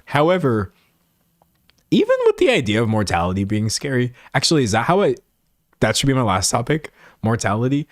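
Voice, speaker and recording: This livestream host, a man in his late twenties, chats and rambles to viewers at a fairly quick pace, mocking himself and playacting imagined remarks with animation. The mid-range voice comes through a dry, studio-quality recording.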